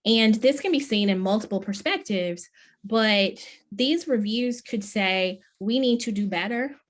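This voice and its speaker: A middle-aged woman, a professor, delivering a conference keynote in an earnest, emphatic way, with many questions. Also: medium pitch. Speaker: plenary speaker, professor.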